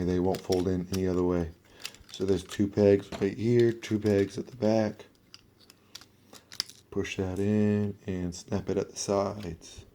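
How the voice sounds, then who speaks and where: A man with a low, monotone voice, sounding sick as he walks through a toy review. His delivery is casual, halting and offhand. A light layer of noise sits behind him. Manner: offhand, halting, mildly sweary. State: sick, under-the-weather voice.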